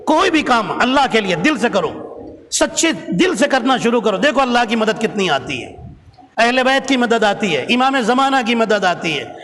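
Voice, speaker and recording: A man's voice: very high-pitched, sing-song, a bit bright. A male preacher telling a story in a sermon, often urging the audience to pay attention. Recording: long hall reverb.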